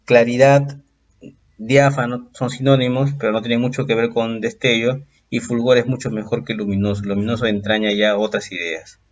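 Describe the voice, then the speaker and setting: A man teaching a recorded exam-prep lesson, patiently explaining step by step and drawing out example words slowly. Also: medium pitch, level tone, lo-fi sound.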